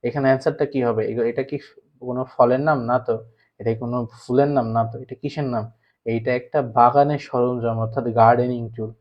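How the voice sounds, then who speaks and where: A man with a Bangladeshi Bengali accent teaching an English class for primary students. He keeps asking the class questions and then answers them himself. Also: medium pitch. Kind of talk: online class lecture. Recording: slightly dull lo-fi recording.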